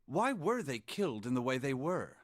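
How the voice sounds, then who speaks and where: A man playing a calm, formal blind gentleman. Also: medium pitch, moderate pace, no echo, studio quality, lightly acted. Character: composed blind gentleman, polite and measured. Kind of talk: video game voice acting.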